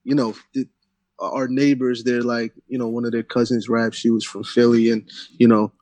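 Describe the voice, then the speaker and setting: A man's voice: mid-range voice, flat delivery, normal speed, dark tone, no echo. A man from Central New Jersey, a battle rapper as interview guest, talking loosely with many "you know what I'm saying" fillers. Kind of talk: casual interview chat.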